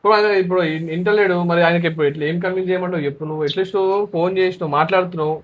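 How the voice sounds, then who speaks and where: A man's voice: sits high, steady tone, very fast, narrow, tinny audio. A man, pressing and lecturing sternly as he mediates an emotional conversation. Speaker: regular of the show, mediator.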